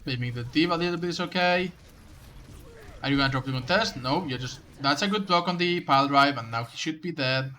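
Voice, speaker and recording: A man reviews someone's game footage, coaching them with direct advice in casual commentary. He often stumbles and restarts his sentences. His voice is a little high, brisk, pushed and bright.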